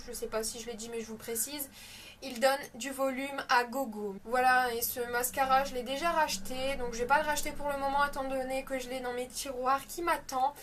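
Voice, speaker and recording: A high-pitched woman reviewing products she has used up in a casual vlog. She talks to her viewers in a chatty, frank way, often pausing with fillers and correcting herself mid-sentence. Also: fairly bright tone. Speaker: beauty vlogger.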